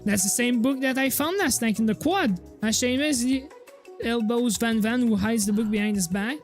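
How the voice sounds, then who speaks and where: A playful woman streamer reads a visual novel aloud in a high, light voice. She laughs often and keeps the tone relaxed, with faint music under her. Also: moderate pace.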